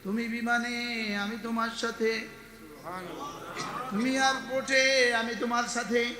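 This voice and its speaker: Man, preacher, very high voice, bright, sermon with chanted verses, echoey hall. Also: little pitch movement, unhurried. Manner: chanting Arabic verses, call-and-response with the crowd. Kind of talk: Islamic sermon. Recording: echoey hall with long reverb.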